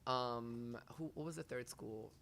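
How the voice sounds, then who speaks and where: A man's voice: mid-range voice, measured pace, vocal fry, slight background noise. A man from the Miami area chatting casually on a podcast, telling stories animatedly with lots of swearing and laughter. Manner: animated, profane, laughing storyteller. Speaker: comedian, podcast guest.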